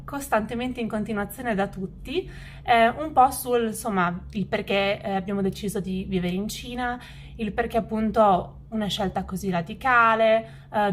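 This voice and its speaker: A woman's voice: mid-range voice, a bit bright, slight background noise. A woman hosting her vlog, introducing it in a chatty way with many fillers. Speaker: vlog host.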